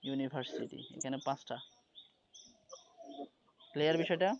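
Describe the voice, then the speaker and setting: A man's voice: medium pitch, normal speed. A man teaching an English lesson to an online class, explaining patiently and often checking that everyone understands. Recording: dull lo-fi audio with background noise.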